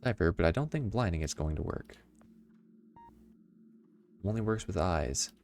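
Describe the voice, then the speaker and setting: A man streaming a video game, reading clues aloud and making wry, deadpan quips. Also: low-pitched, unhurried, a little hiss or hum. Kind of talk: casual gameplay commentary.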